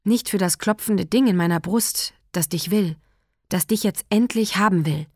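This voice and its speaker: A woman narrating a literary text in a quiet, measured, intimate way. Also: mid-range voice, no room sound, clean studio sound. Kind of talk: literary reading.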